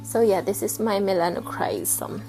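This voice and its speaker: A woman vlogging casually at home, showing her houseplants and pausing to hunt for words. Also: medium pitch, big pitch swings, gravelly, mellow, soft background music, low-quality recording. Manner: chatty, pauses to hunt for words. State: slightly out of breath. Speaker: plant vlogger. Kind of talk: casual show-and-tell vlog. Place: home with plant shelf, indoors.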